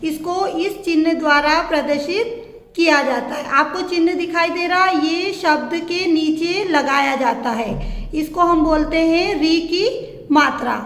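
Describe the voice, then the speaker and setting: In an unhurried, extremely high-pitched, slightly bright voice, a primary school teacher spells out words one letter at a time for her class. The slow lesson echoes through a room with long reverb.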